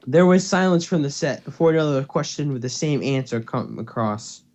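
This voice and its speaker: A medium-pitched, slightly mellow male voice reads fan fiction with animation and at a moderate pace. It's an informal voice call with his co-host, full of stumbles and restarts, and the home recording is noisy.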